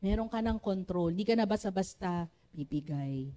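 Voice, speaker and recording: A woman with a Filipino accent preaching a sermon to a church congregation, with a naturally loud voice, often calling on the congregation to respond. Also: mid-range voice, expressive, normal speed. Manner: switches between Tagalog and English, asks the congregation for responses.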